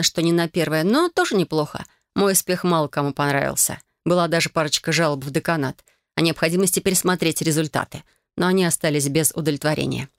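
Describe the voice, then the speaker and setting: Low-voiced woman reading an audiobook. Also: no room sound, studio quality. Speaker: audiobook narrator. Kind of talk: first-person audiobook narration.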